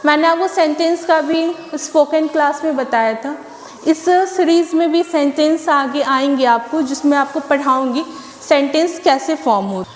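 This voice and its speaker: A woman's voice: high voice, moderate pace. A woman teacher from India giving an online English phonics class, patiently repeating words and asking rhetorical questions. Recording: echoey room with long reverb.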